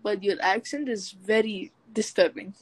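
Mid-pitched flustered woman, slangy, on a casual voice call. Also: moderate pace, no room sound, poor audio. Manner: flustered, says bro a lot. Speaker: podcast co-host. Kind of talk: casual group chat over voice call.

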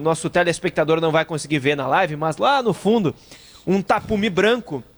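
A man giving a live, unscripted sports report, explaining things with hesitant pauses. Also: sits high. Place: inside a hotel, live on camera.

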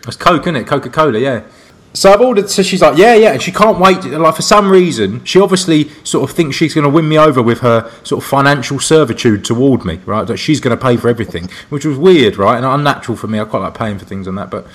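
A man from Liverpool, a podcast co-host, telling a story in casual chat, animated and laughing, jumping into high voices to quote people. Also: fast talker.

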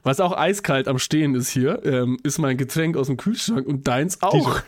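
A man's voice: mid-range voice, moderate pace. Young guy rambling on a podcast, keeps correcting himself, laughs a lot, slangy. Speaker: podcast co-host. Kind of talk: casual chat.

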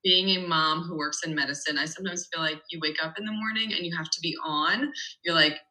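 Bright-voiced, animated woman telling stories. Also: low voice, fast, poor audio. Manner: animated, laughs often, acts out quotes. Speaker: podcast guest, mother working in medicine. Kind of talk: casual storytelling chat.

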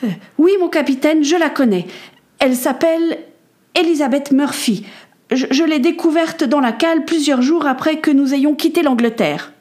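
A woman's voice: high-pitched, moderate pace, darkish tone, voice pushed up, natural voice. A woman voicing a frightened young cabin boy who stammers and pleads. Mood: timid.

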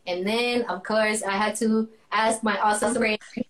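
A woman's voice: medium pitch, steady tone, normal speed, roomy sound, heavy background noise. A woman guesting on a livestream, talking energetically and hyping up the audience. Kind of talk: casual livestream chat.

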